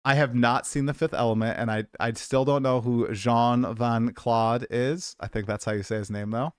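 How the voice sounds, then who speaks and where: A man in his late twenties hosts a casual livestream, chatty and self-deprecating as he comes down with a cold. His medium-pitched voice is clear and resonant, with fairly even intonation and a moderate pace. The sound is studio quality with no echo.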